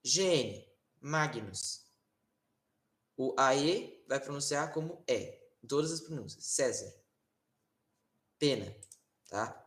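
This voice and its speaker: A man's voice: a little high, expressive, fairly bright tone. Brazilian man, informal language teacher, patient filler-heavy explaining, roomy sound. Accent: Brazilian Portuguese. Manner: informal, explains slowly with many fillers and tag questions. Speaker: Latin teacher. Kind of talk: casual online lesson. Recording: roomy echo.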